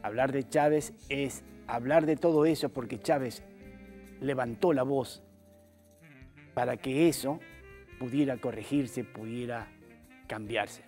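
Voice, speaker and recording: A man's voice: medium pitch, a little slow, long pauses, a little mellow, soft background music. Older man, solemn. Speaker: interview guest, publisher. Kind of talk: reflective interview answer. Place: TV studio. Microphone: lapel mic.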